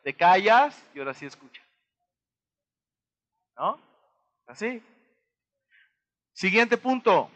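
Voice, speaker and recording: A Mexican-accented man delivers a motivational talk in a high, bright voice. He keeps turning to his listeners with quick rhetorical questions and acts out small dialogues as he goes. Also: very animated, muffled recording. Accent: Mexican Spanish. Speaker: motivational speaker.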